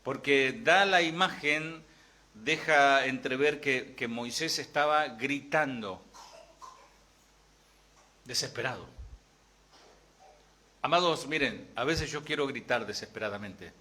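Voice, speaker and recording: A man's voice: medium pitch, slow pace, pauses often, pushed and bright. A middle-aged man with an Argentine accent, a pastor preaching a sermon in a chatty way, often asking the congregation questions. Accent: Argentine Spanish.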